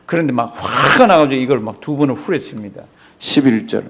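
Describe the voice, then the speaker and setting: A middle-aged man, a pastor, teaching a Bible class. He reads scripture slowly and with emphasis, and keeps asking the class questions and answering them himself. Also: medium pitch, expressive, fairly bright tone.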